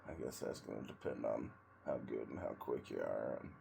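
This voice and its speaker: A man sitting in ice cold water, giving a casual, rambling monologue in a halting way with long pauses between short phrases. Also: extremely low pitch, gravelly, dark tone, slight background noise. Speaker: vlogger, tradesman in auto body and paint.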